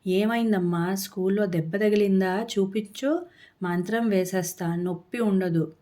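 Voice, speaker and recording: A gentle, worried old grandmother comforting her grandson, as a woman storyteller reads her lines. Her voice is tender and coaxing, in a mid-pitched tone in a story told aloud. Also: normal speed, close to an everyday voice. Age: older.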